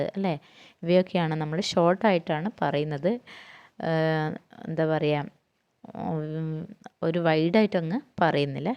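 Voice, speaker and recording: A woman's voice: low voice, a little mellow, highs cut off. A woman teaching a grammar lesson, asking herself questions and answering them, going through lists term by term.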